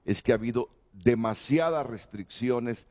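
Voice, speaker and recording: At a moderate pace and medium pitch, a man from Honduras hosts a TV panel discussion, putting questions to guests and inviting their opinions amid hesitant restarts. The recording is tinny, lo-fi broadcast audio.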